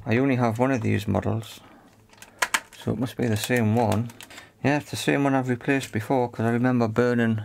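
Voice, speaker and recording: A man hosting an electronics repair video speaks in a creaky, mid-range voice over a noisy background. He thinks aloud through the hands-on repair in short, casual, unscripted phrases.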